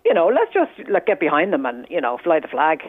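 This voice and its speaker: Woman, irish accent, caller, animated and opinionated, tinny phone line. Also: low-pitched, a little fast, husky, no room sound. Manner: animated, opinionated, lots of fillers. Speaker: caller, restaurant owner. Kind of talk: casual chat on a phone line.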